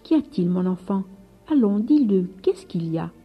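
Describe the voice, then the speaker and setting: A woman reading the part of a fervent, gentle male friar who leads his brothers, speaking earnestly with rising urgency. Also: mid-range voice, lively intonation, moderate pace, breathy edge, highs cut off, faint music behind. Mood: earnest, stern.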